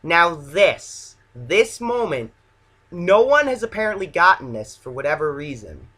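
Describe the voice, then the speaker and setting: Bright-voiced man giving casual commentary. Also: on the high side, sing-song, unhurried, slight background noise. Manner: hesitant, self-deprecating. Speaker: amateur filmmaker giving commentary. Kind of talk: casual, unscripted director's commentary.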